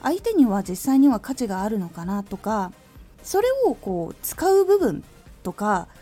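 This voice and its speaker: A woman hosting a solo talk podcast, calmly and thoughtfully explaining her advice as a former voice actor. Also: medium pitch, unhurried, soft background music. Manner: calm, reflective explaining. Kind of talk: solo talk radio monologue.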